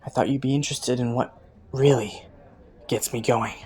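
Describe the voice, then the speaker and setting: Her voice rumbles low with a darkish tone, fairly even intonation and normal speed. The woman voices a clever, flirty underworld rogue in a roleplay audio drama, delivering an intimate monologue that teases and taunts a detective with sultry, sardonic playfulness.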